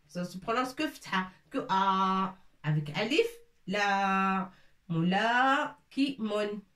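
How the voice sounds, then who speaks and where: A woman's voice: medium pitch, fairly bright tone. A woman teaching a lesson, speaking patiently, repeating each word and checking that her listeners follow. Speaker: Arabic teacher. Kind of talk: slow explanatory lesson, French mixed with Arabic terms. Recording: echoey room, voice from a distance.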